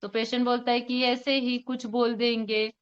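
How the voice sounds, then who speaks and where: A woman's voice: fairly high pitch, flat delivery, normal speed, clean tone, muffled recording. A homeopathic doctor, a woman, presenting a patient case to a forum, retelling the consultation and quoting both sides with hesitant fillers.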